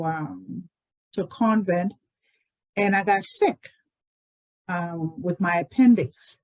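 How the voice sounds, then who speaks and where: A woman, recalling her life in a reflective, unhurried way with many pauses. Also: lowish voice, darkish tone, poor audio. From Liberia. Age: 60s. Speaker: interviewee telling her life story. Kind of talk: reflective personal storytelling.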